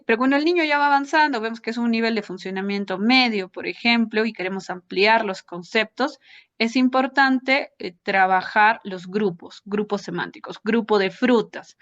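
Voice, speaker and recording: In dull, lo-fi audio, a woman with a fairly bright, mid-range voice gives an academic psychology lecture. She explains each point in sequence and uses brief tag questions to check that her audience is following.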